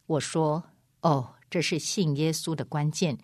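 A woman's voice: low-pitched, fairly even intonation, unhurried, darkish tone, no echo, clean studio sound. A woman preaching an evangelistic sermon in an emphatic, repetitive way, often acting out a back-and-forth with a doubting listener.

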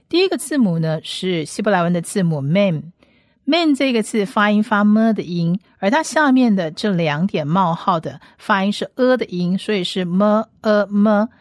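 Woman teaching a lesson slowly, says each sound over and over, dry sound. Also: medium pitch, dry recording. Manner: slow, patient, repeats each sound. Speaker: Hebrew teacher. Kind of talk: step-by-step language lesson.

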